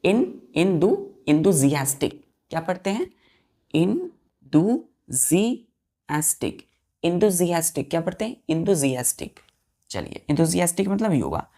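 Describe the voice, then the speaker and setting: A woman's voice: lowish voice, big pitch swings, slow, warm tone. A woman teaching a vocabulary lesson to students, spelling words out letter by letter and repeating each answer. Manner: asks pupils questions and answers them herself.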